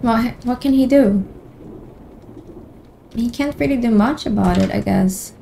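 A woman's voice: a little high, a little slow, vocal fry, warm tone, a little hiss or hum. A woman streamer giving casual commentary while playing a horror game, easily startled and talking to herself. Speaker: gameplay streamer.

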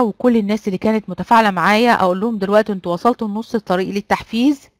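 A woman's voice: medium pitch, no echo. A woman with an Egyptian accent, teaching a live online class and coaxing students to take part by repeating prompts. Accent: Egyptian Arabic. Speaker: online trainer.

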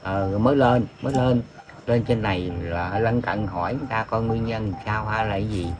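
A man in his seventies from An Giang with a Southern Vietnamese accent, answering interview questions about his missing daughter in a halting, hesitant way full of fillers. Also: on the low side. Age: 70s. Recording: noisy background.

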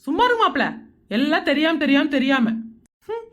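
A woman's voice: high-pitched, expressive, normal speed, highs cut off. A woman voicing a drunk old father-in-law in a Tamil cartoon, fond and slurring at times, stern and lecturing at others. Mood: stern scolding. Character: tipsy doting old father-in-law, later a scolding patriarch.

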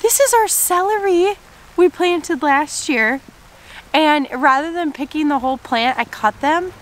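A woman in her thirties chatting casually on a homestead vlog, outdoors in the garden, easily excited and quick to laugh. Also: sits high. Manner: excitable, gasping and laughing at surprises. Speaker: homesteading vlogger. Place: outdoors in a rainy farm garden. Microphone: handheld camera mic.

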